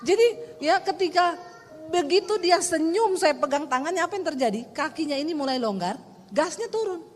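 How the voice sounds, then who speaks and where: High-voiced woman pastor preaching in a hall. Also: moderate pace. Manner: lively, humorous storytelling, addresses congregation as saudara. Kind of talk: sermon. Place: church hall. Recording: reverberant hall with faint music.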